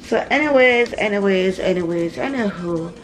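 Medium-pitched and expressive at a normal speed, a thirty-something mother who vlogs about her family chats to a camera at arm's length. She's in a small kitchen indoors at home, repeating words and going off on asides. Soft background music sits under the poor audio.

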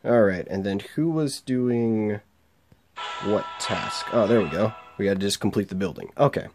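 A young man with a sore throat hosts a let's play, chatting casually over faint game music and reading the game's dialogue aloud, laughing as he goes. His voice is fairly low and moderately paced.

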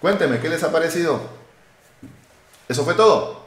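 Man, live coding tutorial, lively, thinks aloud, roomy echo. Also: on the high side, normal speed. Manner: lively, thinks aloud while typing code. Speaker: web development instructor.

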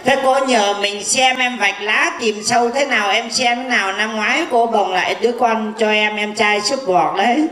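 A man's voice: high-pitched, steady tone, normal speed, hardly any pauses, pushed and bright, reverberant. Comic sketch: a man playing a cheeky blind fortune teller, raised voice, rambling and mocking. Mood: chatty. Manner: rambling, mocking, gossipy banter.

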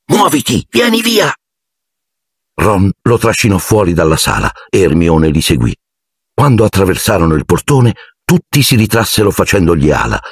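Man, audiobook narrator, very low voice, lively melody, dry studio sound. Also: slightly rough, no echo. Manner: dramatic, shifting voices. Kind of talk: expressive audiobook reading.

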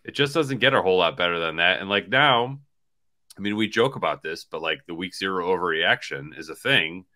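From a cramped hotel room, another man in his forties joins the sports podcast by laptop video call for loose, rambling postgame conversation. He speaks fairly quickly in a deep, animated voice that sounds bright and forceful.

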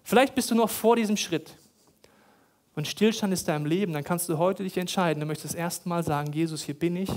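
A pastor delivers a sermon, his voice sitting noticeably high for a man. He tells stories dramatically and hammers points home by repeating phrases. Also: fairly quick, a little mellow.

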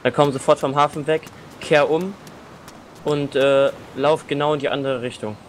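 A man chatting quickly and excitedly while playing a survival game with friends, cursing when things go wrong. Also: fairly high pitch, slight background noise. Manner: fast, excitable, swears under pressure. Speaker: gamer. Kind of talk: casual gameplay chat.

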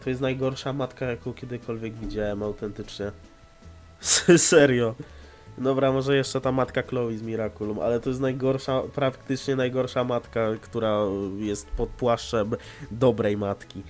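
A man's voice: medium pitch, steady tone, normal speed, a little mellow, soft background music. A man with a slightly stuffed-up, nasal voice giving casual, blunt and sarcastic reaction commentary. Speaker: host of a reaction video.

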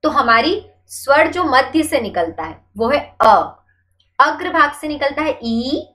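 A woman with a high, light voice teaches grammar to exam students. She poses questions and answers them right away. She keeps repeating the key points so they stick. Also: animated, measured pace, sharp tone. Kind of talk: exam-prep grammar lecture.

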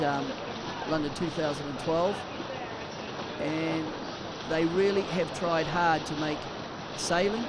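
High-voiced male sailing expert commentator. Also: heavy background noise. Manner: explanatory, halting with restarts. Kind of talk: live sport commentary.

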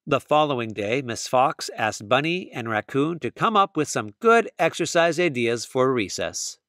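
A man reading a children's picture book aloud, slow and expressive. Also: medium pitch, no echo, clean studio sound. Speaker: storybook reader. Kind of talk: children's read-aloud narration.

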